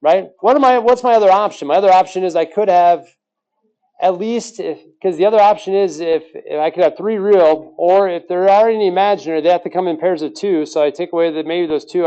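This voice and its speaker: Male math teacher, fairly high voice, mellow tone, teasing question-and-answer lesson style. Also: a little fast, highs cut off. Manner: quizzes the class with rhetorical questions, joking. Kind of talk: recorded classroom lesson.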